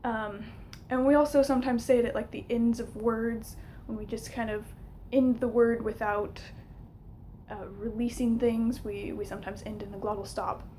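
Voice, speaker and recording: A woman's voice: a little high, steady tone, normal speed, mellow, a little hiss or hum. A young woman giving an informal explanatory lesson to camera as a teacher, sometimes hesitant, recorded on a camera mic at home. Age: young adult. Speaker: linguistics teacher. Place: small room at home, indoors.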